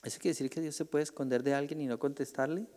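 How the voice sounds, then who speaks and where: A man's voice: on the high side, fairly even intonation, fast talker, mellow, big-room sound. A male pastor teaching a Bible class in a conversational way, asking the group questions and acting out the voices he quotes.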